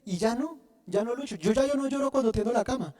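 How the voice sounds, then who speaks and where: A man preaching a sermon, often pausing to have the congregation fill in the word, and restarting phrases as he goes. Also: extremely high pitch, animated, a little mellow. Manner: asks the congregation to fill in words. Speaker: pastor.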